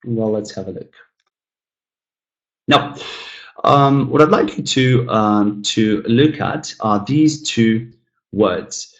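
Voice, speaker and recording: Speaking slowly with frequent pauses in a voice on the low side, this instructor gives a recorded pronunciation lesson in an echoey room. He calls his viewers guys and demonstrates by overstressing the stressed syllables while mumbling the rest.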